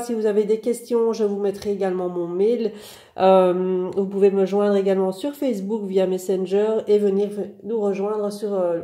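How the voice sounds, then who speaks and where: Here a woman of medium pitch and warm tone shows off new craft paper collections for her online shop, talking chattily with lots of fillers despite a head cold. It's a casual product showcase with a roomy sound.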